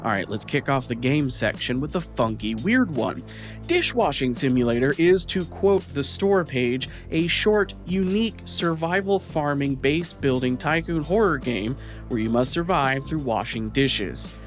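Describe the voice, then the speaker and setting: A man's voice: mid-range voice, lively intonation, measured pace. Man narrating a scripted review over music. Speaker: video host reviewer.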